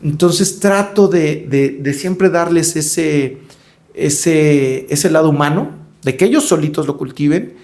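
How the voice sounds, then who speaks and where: Slow and slightly mellow, the fairly high voice of a middle-aged Mexican-accented man carries his storytelling as a podcast guest. The interview is conversational, and he's reflective, repeating words as he searches for them.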